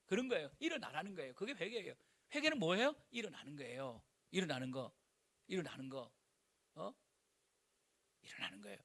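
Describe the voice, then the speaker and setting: A middle-aged male pastor preaching a sermon in an animated, colloquial way, full of rhetorical questions. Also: high-pitched, a little fast, creaky, long pauses.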